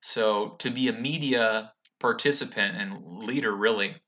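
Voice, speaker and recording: A man talks off the cuff about golf in a very bright, forceful voice that sits a little low. His phrasing is halting and reflective, like a host thinking aloud. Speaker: host of a golf commentary show. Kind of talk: unscripted talk about golf.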